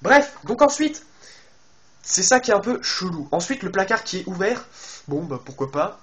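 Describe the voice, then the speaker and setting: A man's voice: high voice, big pitch swings, normal speed, a bit bright. A man casually commenting on a game trailer, addressing his viewers and thinking aloud with lots of fillers and restarts. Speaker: video game YouTuber.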